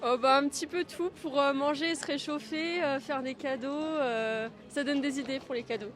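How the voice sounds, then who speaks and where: A young female student from Reims answers a street interviewer in a soft, hesitant voice. Her pitch sits high. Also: steady tone, moderate pace. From Reims, France. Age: young adult.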